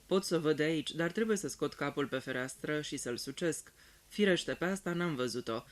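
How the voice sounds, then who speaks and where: A man reading an audiobook aloud in a calm, even storytelling manner. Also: on the high side. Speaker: audiobook reader. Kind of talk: scripted audiobook narration.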